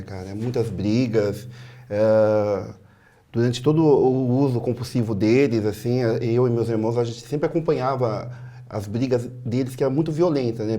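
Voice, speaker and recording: Hesitant Brazilian man telling his story. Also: mid-range voice. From Sorocaba, Brazil. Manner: hesitant, halting, with many fillers and trailing off softly. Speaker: interview guest. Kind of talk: personal testimony in an interview.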